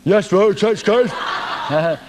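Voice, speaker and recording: A man's voice: sits high, takes it slowly, background noise. A man hosting a live television music show from a studio, reading viewer messages in a jokey, teasing, playful way.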